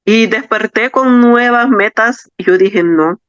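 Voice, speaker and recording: A woman's voice: on the high side, slow, fairly bright tone, clear, resonant tone, no echo. A woman from El Salvador, a guest on a podcast, telling a personal faith testimony in an earnest, reflective way that circles back on her words. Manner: earnest, reflective storytelling with repetition. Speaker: interview guest. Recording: slightly dull, dry recording.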